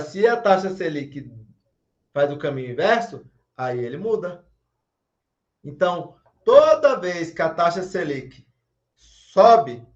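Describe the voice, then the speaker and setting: A man's voice: a little high, reverberant, dull audio. A Brazilian man teaching a finance class, emphatic, repeating key points and answering his own questions. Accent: Brazilian Portuguese. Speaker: finance instructor. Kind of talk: online class lecture.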